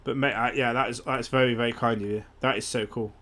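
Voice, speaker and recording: A man's voice: mid-range voice, fairly even intonation, quick pace, bright, forceful tone. A young man streaming a game, chatting casually and animatedly, swearing freely. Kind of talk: casual gaming chat.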